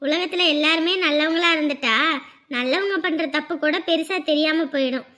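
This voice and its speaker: A woman acting a sharp-tongued, motherly aunt in a family drama skit, who grumbles and scolds but coaxes the boy she raises. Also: high-pitched, moderate pace. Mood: soothing. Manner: grumbling, scolding, then coaxing.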